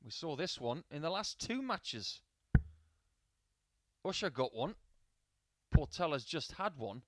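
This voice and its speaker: A man's voice: on the high side, big pitch swings, slow, no room sound. A man giving live darts commentary in a chatty, anecdotal way, mixing statistics with personal asides.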